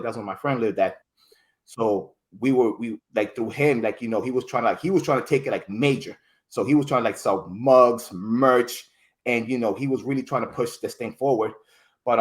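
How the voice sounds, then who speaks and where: A man as a guest in a casual interview, rambling through stories with lots of fillers and restarted words. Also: on the low side. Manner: animated storytelling, voices others in quotes. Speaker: podcast guest.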